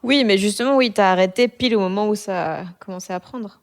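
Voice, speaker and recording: A woman's voice: medium pitch, fast. Woman host, laughing and slangy. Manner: relaxed, laughing, slangy questions. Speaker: podcast host. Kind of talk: casual podcast interview.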